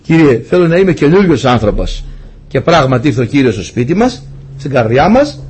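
A man's voice: mid-range voice, very animated, darkish tone, slightly rough. A middle-aged man giving a sermon to his congregation, preaching with energy and laughing at his own stories.

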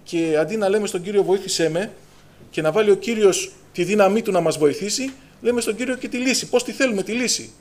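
A man's voice: high voice, darkish tone. A middle-aged man preaching a fervent Pentecostal sermon, raising his voice when he quotes scripture and calling out to his listeners. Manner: fervent, preacher's call-and-response, raises voice on scripture.

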